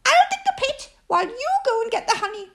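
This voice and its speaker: A woman puts on a tiny, excitable little piglet with a squeaky voice pitched far above a normal speaking voice. He chatters eagerly and brightly, his tone thin and a little distant. He is a storybook animal. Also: fast talker, heavily acted. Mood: brisk. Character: small timid excitable male piglet. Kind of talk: storybook reading.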